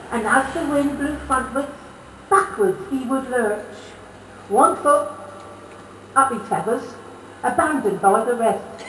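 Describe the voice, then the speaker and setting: Woman, comic verse performer at a variety show, theatrical and broad, caught from the back of an echoey hall. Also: high-pitched. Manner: broad, theatrical delivery with dialect. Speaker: stage performer. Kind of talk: comic verse recitation on stage. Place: social club stage, amateur variety show. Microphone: distant camera mic. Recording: echoey hall from far off, faint hiss.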